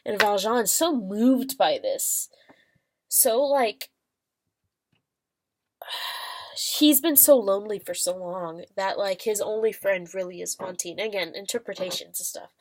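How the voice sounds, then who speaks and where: A woman's voice: mid-range voice, takes it slowly, long pauses. A woman vlogger giving a casual, chatty plot summary, swearing freely and using lots of filler words.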